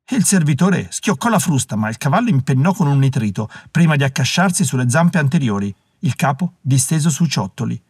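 A man reading an audiobook as the narrator, telling the story in a measured, dramatic way on a close studio mic. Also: mid-range voice, very animated, a little mellow, husky, no room sound. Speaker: audiobook reader. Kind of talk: scripted narration.

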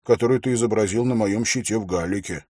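A man's voice: on the low side, fast talker, darkish tone, slightly rough, dry recording, studio quality, voice pushed up. A man voicing an honest young knight who speaks earnestly and a little hesitantly.

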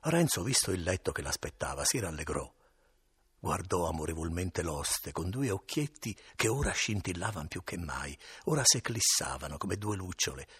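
A man reading a classic novel aloud with expressive, theatrical phrasing. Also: low voice, moderate pace, breathy edge, no echo, clean studio sound. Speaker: audiobook reader. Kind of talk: expressive literary narration.

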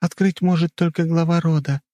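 A man voicing the ghost of an old clan matriarch, speaking slowly and without emotion, in lofty measured phrases. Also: fairly high pitch, dry recording, clean studio sound, pitched above the performer's own voice, natural voice. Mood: emotionless. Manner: flat, emotionless, like a recording; slow, measured, lofty pronouncements. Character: ancient female ghost, solemn clan matriarch. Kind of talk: audiobook character voice.

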